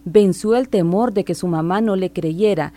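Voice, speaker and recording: A woman reading scripted narration for a radio report in a measured, solemn way. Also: lowish voice, mellow.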